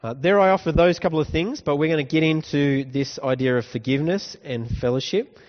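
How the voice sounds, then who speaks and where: A man's voice: on the high side, brisk. A male pastor giving a conversational sermon, often asking the congregation questions. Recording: dull recording with long hall reverb.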